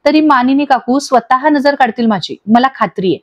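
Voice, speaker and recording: Woman doing a gentle, level-headed young wife. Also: high voice, moderate pace. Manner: calm, gently scolding. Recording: dull lo-fi audio.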